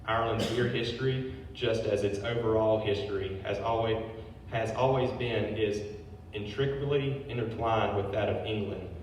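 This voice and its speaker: This history talk comes from a brewery owner whose lowish, slightly mellow voice stays fairly even at a normal speed. He reads from notes but breaks off for informal asides. Faint noise and heavy echo fill the hall, and the mic is distant.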